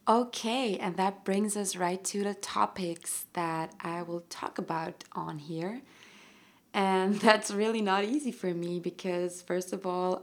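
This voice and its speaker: A young Austrian woman hosts a casual solo podcast, speaking slowly in a voice slightly low for a woman. Her Austrian German accent comes through as she rambles gently, with soft laughs and lots of "um"s.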